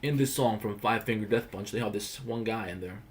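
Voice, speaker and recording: A man's voice: fairly low pitch, brisk. A young man from Croatia hosting a casual livestream, talking bluntly and profanely as he tells stories. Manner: profane, blunt, animated storytelling. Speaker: livestream host.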